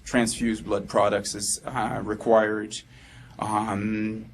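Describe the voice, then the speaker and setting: A man's voice: lowish voice, a little hiss or hum. A man with a French accent giving a medical lecture, hesitant and full of ums and uhs. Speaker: physician presenter.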